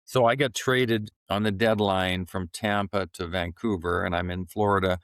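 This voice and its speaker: A man's voice: sits low, fairly even intonation, moderate pace, a bit bright, dry recording, studio quality. A middle-aged man, a former hockey player, telling stories on a podcast, rambling with many fillers and restarts. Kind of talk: casual podcast storytelling.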